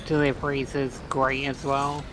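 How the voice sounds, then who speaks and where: A man's voice: medium pitch, completely flat delivery, moderate pace, background noise. A man chatting casually in voice chat while gaming with friends. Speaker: gamer in voice chat.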